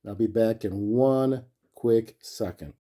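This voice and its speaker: A man's voice: fairly low pitch, slow, mellow. A man talking casually and thinking aloud as he presents a hands-on look at a gadget, in an easygoing, unscripted way. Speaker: collector presenting a gadget review.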